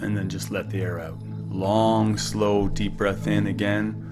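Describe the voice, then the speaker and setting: A calm man speaks in a fairly low voice, guiding a meditation at an unhurried, soothing pace of delivery. Music plays clearly behind him. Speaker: meditation guide. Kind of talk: guided meditation.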